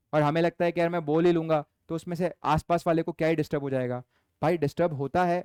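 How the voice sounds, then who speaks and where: Firm Hindi-lecturer, dry close sound. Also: male voice, a little high, a little mellow, smooth, no room sound. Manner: Hindi-English mix, firm scolding, reads questions aloud slowly. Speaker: commerce lecturer. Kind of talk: classroom lecture.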